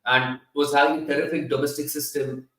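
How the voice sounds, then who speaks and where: A man with an Indian accent talks through sports analysis in a measured, wordy way. His voice sits a little high and sounds distant in a very echoey room. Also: flat delivery, a bit bright. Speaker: cricket analyst.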